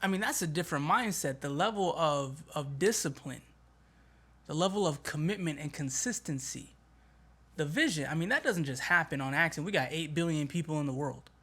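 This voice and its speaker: Dude giving a pumped-up motivational talk on his podcast, casual slang, kinda high voice. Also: brisk, husky. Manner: energetic and emphatic, casual slang. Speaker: podcast host.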